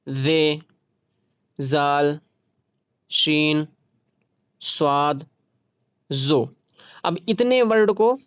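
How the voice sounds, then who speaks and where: A man's voice: on the high side, dry recording, studio quality. A man teaching a grammar lesson, patiently repeating terms and sounding out letters for learners to say along with him. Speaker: Urdu teacher.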